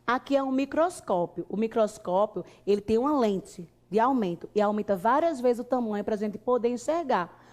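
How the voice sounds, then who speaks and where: A woman's voice: a little high, animated, moderate pace, a little mellow. A woman with a Brazilian Portuguese accent teaching young children like a kids show host, cheerful and sing-song, posing questions and answering them.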